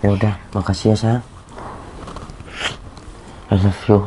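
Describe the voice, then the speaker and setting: A man playing an ailing young husband who feels guilty, speaking softly and wearily as if feverish and dizzy, in an amateur skit. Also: fairly low pitch, little pitch movement, measured pace, noisy background, close to an everyday voice. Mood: tired tender. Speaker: sick husband.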